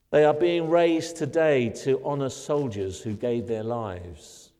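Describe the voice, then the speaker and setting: Older British pastor, emphatic sermon delivery with slowed stresses; long church-hall reverb. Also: male voice, mid-range voice, a little mellow. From Britain. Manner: emphatic preaching cadence, slowing to stress key phrases.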